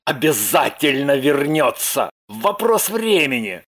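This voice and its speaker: Man voicing a husky bossy fugitive. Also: mid-range voice, very animated, takes it slowly, a bit bright, heavily acted. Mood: insistent, bossy. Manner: blunt, insistent and bossy. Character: pushy demanding man on the run. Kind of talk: audiobook character voice.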